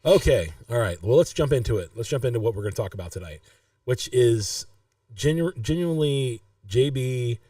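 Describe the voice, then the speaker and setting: Man, podcast host, casual chat, rambling, warm dark tone, dry distant sound. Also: mid-range voice, expressive, moderate pace, no room sound. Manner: rambling, restarts often. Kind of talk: casual live-stream chat.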